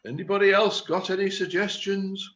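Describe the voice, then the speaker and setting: A man's voice: sits high, fairly even intonation, moderate pace, a bit bright, muffled recording. A man reading the part of a self-important chairman of an amateur drama group, declaiming his big plan. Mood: scheming. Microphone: video call.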